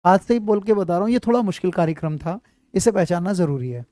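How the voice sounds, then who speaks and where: In a live online class, a man explains Hindi letters and sounds at a board, repeating himself often, checking again and again that students understand, and fondly calling them child. His voice is high, warm, and quick with lively intonation, in a dry, studio-quality recording.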